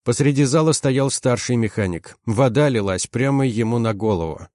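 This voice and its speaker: A man's voice: medium pitch, normal speed, darkish tone, no echo, studio quality. A man narrating a first-person audiobook in a tense, driven manner.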